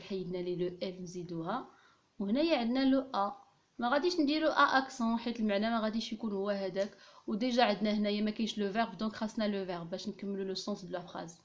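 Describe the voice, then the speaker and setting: A woman with a Moroccan accent teaching a French grammar lesson. She reads example sentences slowly and carefully, then explains them in darija with French grammar terms mixed in. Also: medium pitch, muffled recording. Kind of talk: classroom-style grammar lesson.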